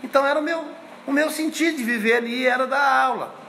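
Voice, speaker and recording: A man's voice: very high voice, fast, bright, forceful tone, a little hiss or hum. A man in his fifties teaching a course, telling anecdotes in a chatty, conversational way with frequent tag questions. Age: 50s.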